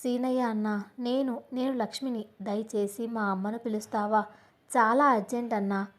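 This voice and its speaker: A woman's voice: a little high, steady tone, moderate pace, close to an everyday voice. A woman voicing a frightened, tearful teenage girl who pleads desperately in a storybook reading. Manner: desperate, pleading, breathless run-on speech.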